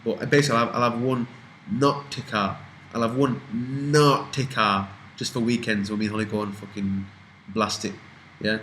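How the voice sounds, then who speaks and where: A man's voice: medium pitch, steady tone, moderate pace, a bit bright, a little hiss or hum, rough recording. A man in his twenties from the UK, chatting casually and rambling as he answers viewer questions, swearing freely. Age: 20s. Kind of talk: casual Q&A chat.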